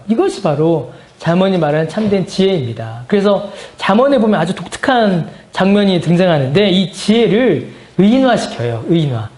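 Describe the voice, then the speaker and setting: A man's voice: high-pitched, darkish tone. A male pastor teaching a Bible study. He asks the class questions, answers them himself, and repeats key phrases for emphasis. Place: church meeting room. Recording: echoey church room.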